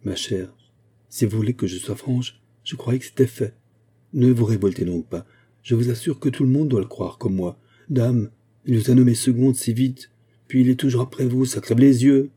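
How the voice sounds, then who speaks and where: A man's voice: medium pitch, normal speed, warm tone, husky, pitched above the performer's own voice, close to an everyday voice. A man voicing a cheerful, motherly young seamstress who coaxes her friend in a chatty way. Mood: coaxing. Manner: coaxing, chatty.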